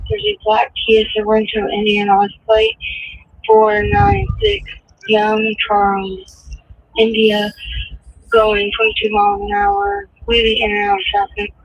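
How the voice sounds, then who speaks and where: A woman's voice: mid-range voice, breathy edge. A woman police dispatcher heard over a police radio scanner, reading out a plate and location in a clipped, matter-of-fact way. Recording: dull lo-fi scanner audio.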